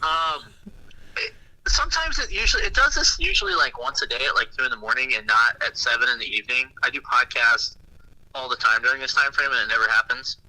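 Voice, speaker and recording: A man's voice: medium pitch, big pitch swings, fairly quick, sharp tone. A man calling in by phone, heard through a speakerphone held up to the microphone, chatting casually and apologetically as a podcast co-host. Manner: rambling, apologetic, laughing. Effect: phone call on speakerphone held up to the mic. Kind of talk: casual chat.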